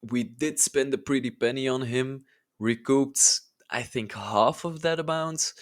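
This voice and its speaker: Male football YouTuber, mid-pitched, informal and enthusiastic, casual commentary style. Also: measured pace. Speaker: YouTube football channel host. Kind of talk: casual video ranking commentary.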